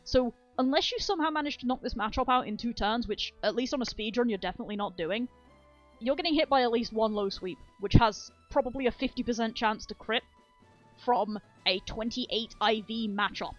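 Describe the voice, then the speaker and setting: A woman's voice: fairly high pitch, fairly quick, lo-fi sound, soft background music. A woman streamer chatting casually and rambling enthusiastically about speedrun details, swearing freely. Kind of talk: casual game-stream chat.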